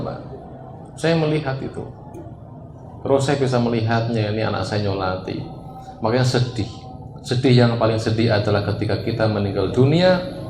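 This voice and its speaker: A man's voice: fairly low pitch, a little mellow. A male Islamic preacher, delivering a sermon and quizzing the congregation in call-and-response. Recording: echoey room, faint noise.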